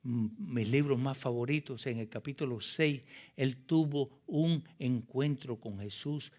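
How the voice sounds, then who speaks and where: A man's voice: mid-range voice, a little slow, warm tone. A male pastor preaching a sermon with passion, asking the congregation rhetorical questions and reading scripture aloud.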